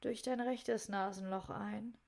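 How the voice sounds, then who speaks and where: A woman guides a meditation softly and soothingly. She speaks very slowly, in short, separated phrases. Her medium-pitched voice has noticeable creak and can fade toward a breathy near-whisper as phrases end. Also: fairly even intonation.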